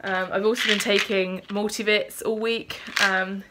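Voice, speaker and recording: Speaking at an unhurried pace in a mid-range, flat voice, this twenty-something British vlogger talks casually to her phone camera. A cold leaves her stuffed up and a little breathless, and her chatty delivery is full of ums. Light background noise sits under the phone audio.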